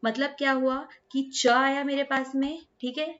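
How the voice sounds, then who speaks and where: Higher-voiced woman teaching Hindi grammar. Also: flat delivery, moderate pace, fairly bright tone, dull audio. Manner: checks understanding with repeated "clear?" and "ठीक है"; mixes English words into Hindi explanation. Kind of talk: classroom explanation.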